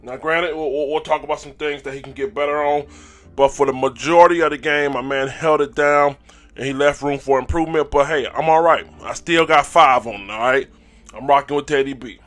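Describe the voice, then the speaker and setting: Recapping a game casually for his sports fan channel, a man speaks in a hoarse, raspy, slightly high voice that's steady, a little fast and fairly bright. He throws in hyped call-and-response and clears his throat frequently.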